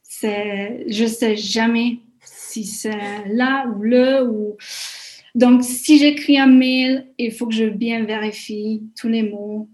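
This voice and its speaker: A woman's voice: a little high, flat delivery, slow, darkish tone. A Hungarian woman speaking French as a second language with a Hungarian accent, talking hesitantly as an interview guest with fillers and small slips.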